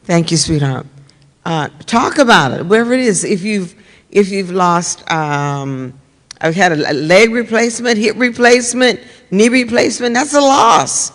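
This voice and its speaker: A woman's voice: mid-range voice, expressive, unhurried. Older lady preaching, repeats herself a lot, echoey church sound. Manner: earnest, repetitive, conversational. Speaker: minister. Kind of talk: sermon-style talk to a congregation. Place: church sanctuary. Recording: reverberant church hall.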